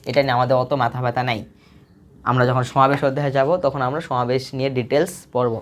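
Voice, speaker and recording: Low-voiced woman teaching math patiently. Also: flat delivery, quick pace. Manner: patient, repetitive explaining, asks questions and answers them herself. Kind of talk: recorded video lesson.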